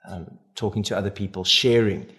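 A man's voice: lowish voice, steady tone, a little fast, a bit bright. A man with a South African accent, chatting expressively and casually as an author guest on a radio show. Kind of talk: casual interview chat.

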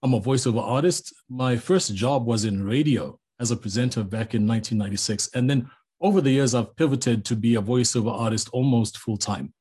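A man from Zambia who works as a voiceover artist, giving a chatty, self-deprecating master class in a relaxed conversational way. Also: medium pitch, fairly quick, slightly rough. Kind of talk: conversational lecture.

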